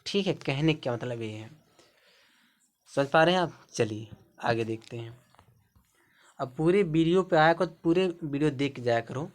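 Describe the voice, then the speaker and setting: A man's voice: on the high side, moderate pace, long pauses. A man teaching a spelling lesson, patiently spelling out words letter by letter. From India. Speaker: English teacher.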